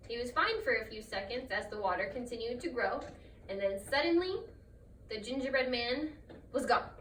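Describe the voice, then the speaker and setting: A woman improvises a trickster folktale as its storyteller. Her voice is bright and on the high side. She sounds a little away from the mic, with faint noise behind her. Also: animated, moderate pace, echoey room, distant mic, low-quality recording.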